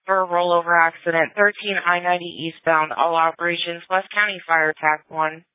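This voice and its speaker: A fire dispatcher reading out calls over a two-way radio in short, clipped, even phrases. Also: medium pitch, brisk, no room sound. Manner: clipped, even call-outs. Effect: two-way radio transmission. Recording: tinny radio scanner audio, dry.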